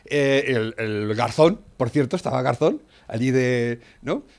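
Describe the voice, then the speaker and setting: Man, Spanish accent, blunt swearing rant in casual talk, rises to near shouting. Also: medium pitch, lively intonation, a little slow, vocal fry. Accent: Spanish from Spain. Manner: blunt, swears freely, rants loudly with frequent "¿eh?". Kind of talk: casual political chat.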